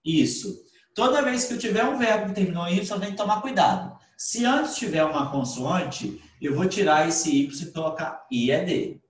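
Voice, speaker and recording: The same kind of online English lesson: a man explains grammar, raising questions only to answer them himself, in a high, animated voice at a moderate pace. The computer mic on the video call gives the sound a roomy quality.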